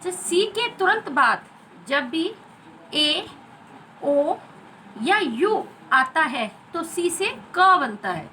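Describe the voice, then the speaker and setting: A woman's voice: high voice, sing-song, drawn-out words, long pauses, sharp tone, a little hiss or hum, poor audio. An Indian woman teacher giving a phonics lesson to children, spelling out letters and repeating each sound.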